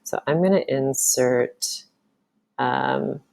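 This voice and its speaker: A woman teacher walking through a software tutorial, talking casually and thinking aloud with frequent ums. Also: rumbling low, drawn-out words, vocal fry. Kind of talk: screen-recorded software tutorial.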